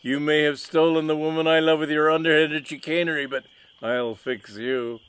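Man voicing a loud, indignant conjurer villain, high and forceful. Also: steady tone, moderate pace, clear, resonant tone, natural voice. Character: theatrical vengeful male magician, loud and pompous.

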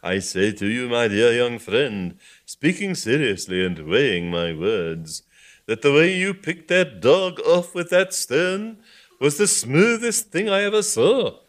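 A man voicing a pompous elderly bishop who is jovial one moment and thunders the next, with a booming, organ-like voice. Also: very animated, unhurried. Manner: booming, organ-like and mock-solemn.

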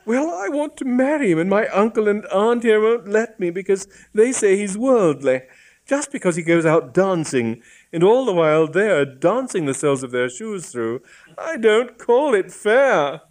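A petulant young woman in love, voiced by a male reader. Her voice is lifted well above the reader's own, cold and complaining. It is loud and lively in its pitch. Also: moderate pace.

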